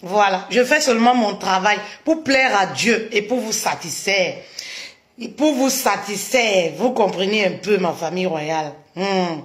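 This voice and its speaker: A woman's voice: medium pitch, a little slow. A woman hosting a casual live stream, chatty and repeating her greetings again and again.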